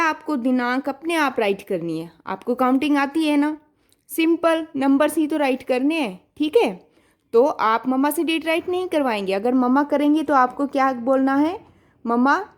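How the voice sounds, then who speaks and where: A woman's voice: high-pitched, lively intonation, moderate pace. A woman teaching an online Hindi class to young children, patient and coaxing, mixing English words in and drawing dictation words out syllable by syllable. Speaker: primary school Hindi teacher.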